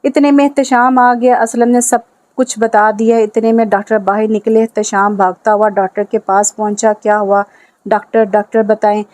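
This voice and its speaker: A woman's voice: a little high, flat delivery, normal speed, darkish tone, dry recording. A woman reading a romance novel aloud as narrator, voicing the dialogue in her own voice with little acting.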